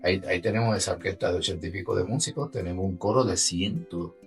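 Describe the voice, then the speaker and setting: A man's voice: sits low, steady tone, quick pace, distant mic, faint music behind. A man with a Puerto Rican Spanish accent talks conversationally as an interview guest, explaining with animation and checking in with his listener. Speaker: orchestra musician and guest.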